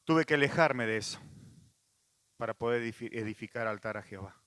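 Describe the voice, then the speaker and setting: A man's voice: mid-range voice, a little fast, a bit bright, no echo. A male pastor with a Rioplatense Spanish accent, preaching a sermon in a conversational way, with frequent restarts and asides to the congregation.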